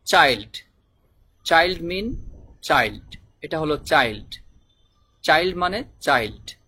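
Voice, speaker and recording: A man teaching English vocabulary, repeating each word and spelling it out slowly letter by letter. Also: fairly high pitch, animated, bright, forceful tone, slightly rough. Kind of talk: vocabulary lesson.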